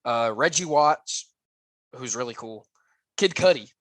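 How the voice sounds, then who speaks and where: Lively young man, animated podcast chatter. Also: medium pitch, a little slow, dry recording. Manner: enthusiastic, stammering, lots of "like". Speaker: podcast co-host. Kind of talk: casual film podcast chat.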